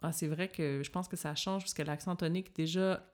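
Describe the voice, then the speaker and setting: A woman's voice: fairly low pitch, steady tone, brisk. A woman from Quebec with a Québécois accent, chatting casually with plenty of fillers and restarts. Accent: Québécois French. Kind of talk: casual chat.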